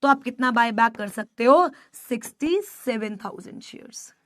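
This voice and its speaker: A woman's voice: fairly high pitch, animated, moderate pace, dry recording. A young woman teaching a live online class, mixing Hindi and English, affectionate yet scolding as she answers student doubts.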